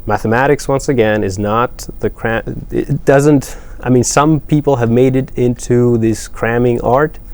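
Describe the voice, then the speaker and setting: Man with a Greek accent, mid-pitched, math professor; unhurried, advising interview answers with fillers. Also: fairly even intonation, darkish tone, a little hiss or hum. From Greece. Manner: thoughtful, advising, with many fillers.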